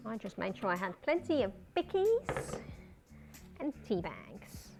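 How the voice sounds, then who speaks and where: A woman with a broad Kiwi accent hosts a casual livestream from her cooking. She talks in a chatty, jokey, slangy way at a medium pitch, with clear music playing behind her. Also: sing-song, unhurried. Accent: broad New Zealand. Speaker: livestream host.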